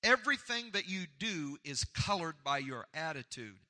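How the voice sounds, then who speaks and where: A man preaching a motivational sermon with emphatic, repetitive oratory, swinging between loud and soft and calling on listeners to respond. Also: fairly high pitch, big pitch swings, normal speed. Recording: echoey hall with long reverb.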